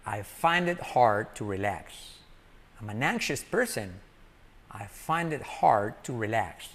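Lively Spanish-speaking English teacher, man. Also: medium pitch. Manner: repeats English phrases slowly and drills pronunciation; lively, jumps between loud and soft. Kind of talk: English lesson taught in Spanish.

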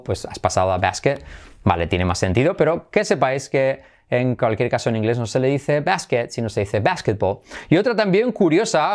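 A middle-aged man from Spain with a Spanish accent, hosting a playful online English lesson and jumping high in pitch for emphasis. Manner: lively, playful, swings high for emphasis and laughs. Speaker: English teacher, channel host.

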